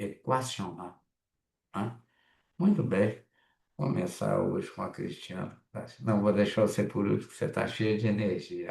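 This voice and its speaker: Gravelly, blunt Mineiro man teaching. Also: on the low side, reverberant. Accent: Mineiro Brazilian Portuguese. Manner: chatty, blunt, animated asides. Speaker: psychoanalysis teacher. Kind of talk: online class talk.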